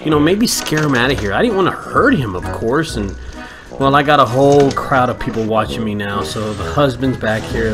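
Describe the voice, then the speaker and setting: A man narrating his work vlog as a voice-over, telling the story in an animated, joking way. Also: mid-range voice. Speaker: junk removal business owner. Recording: voice-over with loud background music.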